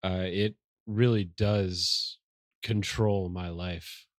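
A man's voice: low-pitched, steady tone, extremely slow, no echo, studio quality. A man chatting casually on a podcast, enthusiastic and a bit rambling, often restarting his sentences. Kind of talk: casual chat.

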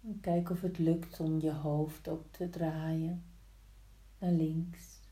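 A woman guiding a yoga practice slowly, in a soft, soothing, hushed voice with long pauses between short instructions. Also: deep voice, little pitch movement. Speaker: yin yoga teacher. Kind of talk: slow guided yoga instruction. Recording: roomy, echoing sound.

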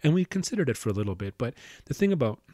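A man's voice: medium pitch, sing-song, rapid-fire, dark tone, no echo, studio quality. A man telling stories in a casual, rambling way, with lots of restarts and casual swearing. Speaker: podcast host. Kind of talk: casual storytelling.

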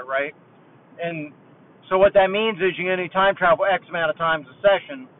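A man calling in a voice message from his car over a low-quality hands-free phone line, chatting in a relaxed, rambling way. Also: a little hiss or hum. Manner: relaxed and chatty, thinks aloud. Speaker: caller leaving a voice message. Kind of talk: casual rambling chat. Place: driving in a car. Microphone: car hands-free phone mic.

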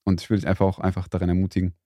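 A man's voice: sits low, completely flat delivery, racing, mellow, no room sound, clean studio sound. A young man co-hosting a casual faith podcast, talking in a rambling, hesitant way with many fillers. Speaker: podcast co-host.

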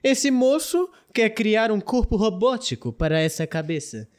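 A man voicing a self-important male lord who speaks in a slow, formal, grandiose way. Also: high-pitched, very animated, voice pushed up. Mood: pompous.

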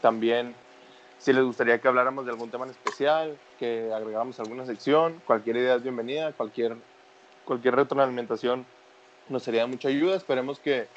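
A man co-hosting a podcast, wrapping up the episode in a relaxed, polite, slightly halting way. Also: mid-range voice. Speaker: podcast co-host. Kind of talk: casual podcast sign-off. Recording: dull lo-fi sound with faint noise.

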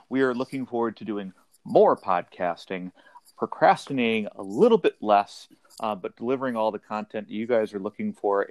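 A man's voice: on the low side, dry recording. A man co-hosting a podcast in casual chat, joking around and laughing between lines. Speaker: podcast co-host.

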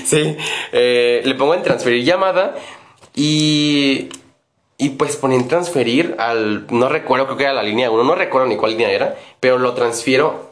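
Young mexican guy telling a story, lots of um and restarts, regular pitch. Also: normal speed, roomy sound. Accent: Mexican Spanish. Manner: rambling, with many fillers and self-corrections. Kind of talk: casual storytelling.

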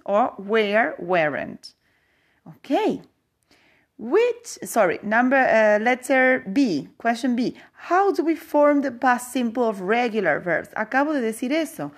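A woman teaches an English grammar lesson in a fairly high, lively voice that rises and falls a lot. She reads the example sentences slowly and carefully, slipping into to explain and checking in with a repeated "okay?".

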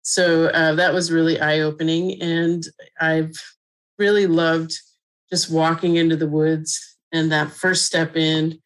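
A middle-aged woman from Colorado, a mushroom expert guest, chatting in a relaxed way with lots of fillers and frequent laughter. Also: deep voice, takes it slowly, poor audio. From Colorado, USA. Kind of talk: casual interview conversation.

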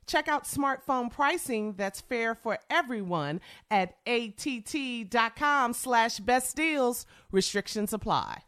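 A woman co-hosting on radio speaks in an emphatic, conversational way. Her voice is fairly high and moves up and down a great deal. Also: lively intonation, slow, hardly any pauses, a bit bright, clean tone. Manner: emphatic, repeats words for punch. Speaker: morning radio show co-host. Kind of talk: conversational radio ad read and banter.

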